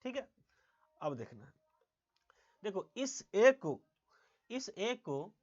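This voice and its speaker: A male English teacher giving a grammar lesson, asking quiz questions and answering them himself, repeating key words slowly. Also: sits high, very animated. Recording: dull lo-fi sound.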